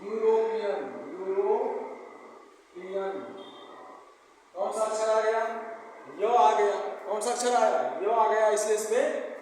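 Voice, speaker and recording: A man teaching English grammar in Hindi, speaking slowly and repeating each word several times, asking questions and answering them himself. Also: sits high, a little mellow. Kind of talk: whiteboard grammar lesson in Hindi. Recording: echoey room from far off, faint background noise.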